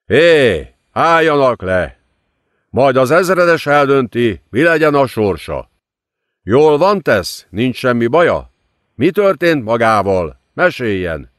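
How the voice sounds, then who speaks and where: A man voicing a commando officer who gives brisk orders. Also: medium pitch, big pitch swings, no echo, clean studio sound, voice pushed up, natural voice. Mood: commanding.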